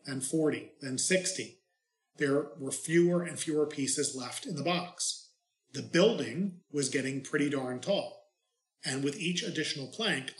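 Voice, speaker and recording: Priest with a cathedral echo. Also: male voice, a little high. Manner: plain, unhurried reading that turns to light, self-mocking storytelling. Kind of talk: scripture reading and homily. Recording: echoey church reverb.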